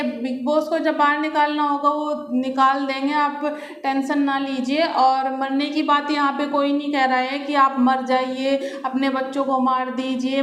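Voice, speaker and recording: Here the reality-gossip commentator's high voice sounds a bit bright, again bouncing around an echoey room. She scolds and argues off the cuff, firing rhetorical questions at both viewers and contestants.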